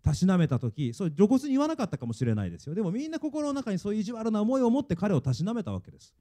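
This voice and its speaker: Male pastor, mellow dark voice, earnest sermon, a bit higher than average. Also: huge pitch swings, very fast. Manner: earnest, emphatic preaching, leads congregation in reading.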